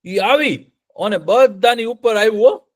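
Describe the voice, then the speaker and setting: A man tells a children's story. He is animated and keeps checking in with his young listeners through questions. His voice is high for a man. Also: unhurried.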